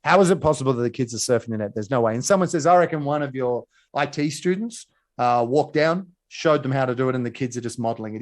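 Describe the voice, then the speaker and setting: A man giving a motivational leadership talk, telling a story in a lively way and acting out the quotes. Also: mid-range voice. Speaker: speaker at a leadership session.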